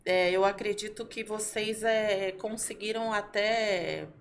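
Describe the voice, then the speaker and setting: A woman hosts a casual podcast, welcoming viewers and asking her guest easygoing questions. Her voice sits at a middle pitch, with a faint hiss in the background. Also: steady tone, takes it slowly. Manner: friendly, conversational questions. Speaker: podcast host.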